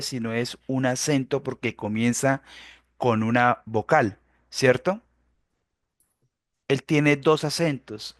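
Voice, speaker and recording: A man's voice: medium pitch, no echo, clean studio sound. A man, a student asking careful questions in a Greek class.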